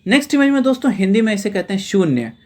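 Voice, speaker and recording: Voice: mid-range voice, big pitch swings, quick pace. A teacher from India explaining a vocabulary lesson, often calling the viewers friends and repeating reminders to remember each word. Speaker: English teacher.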